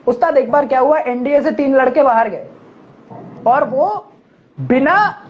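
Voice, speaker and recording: A man with a high voice hosts a casual chat. He tells an anecdote with energy and acts out each quote. The sound is dull and lo-fi. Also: expressive, measured pace, a little hiss or hum. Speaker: host.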